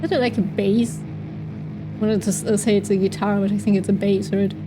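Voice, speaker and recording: A woman's voice: medium pitch, fairly even intonation, brisk, music in the background, low-quality recording. A woman streamer chatting casually while playing a game, often giggling and reading the game's text aloud. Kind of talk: casual game let's play commentary.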